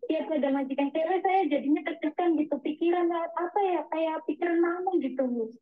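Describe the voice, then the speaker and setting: A woman with a high voice tells her story over a tinny phone line. She rambles and keeps coming back to the same little filler words. She is a domestic helper working abroad, calling in to tell what happened to her. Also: a little fast. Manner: rambling, repeats "gitu" and "Miss". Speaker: migrant domestic worker caller. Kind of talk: telling her story on a call.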